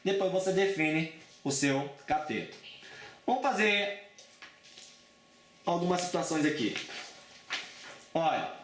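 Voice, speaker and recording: A Brazilian man with a fairly high voice gives a relaxed, slangy math lesson for exam prep. He keeps checking in with his students as he goes. The room around him sounds echoey. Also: slow pace, long pauses, a little hiss or hum. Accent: Brazilian Portuguese. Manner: chatty and informal, with frequent check-ins and slang. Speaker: math teacher.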